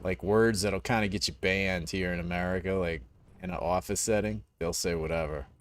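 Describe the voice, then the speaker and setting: A man's voice: low voice, steady tone, moderate pace. A young man streaming a survival game, chatting casually and rambling through a funny work story with lots of "dude" and "man". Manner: laid-back, rambling, peppered with dude and man. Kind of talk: casual gaming chat and storytelling.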